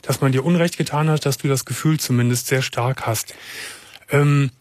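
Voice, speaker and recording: A man hosting a call-in radio show, asking calm, probing questions and summing up what his caller says. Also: medium pitch, moderate pace, no echo. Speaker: radio talk show host. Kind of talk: late-night call-in radio.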